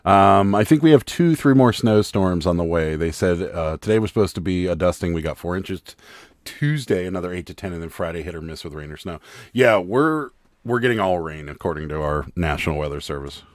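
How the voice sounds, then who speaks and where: A man with a slightly raspy voice in easygoing, chatty talk on a live stream, greeting viewers as he goes. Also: low voice, lively intonation, fairly quick, no echo, studio quality. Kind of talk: casual live stream chat.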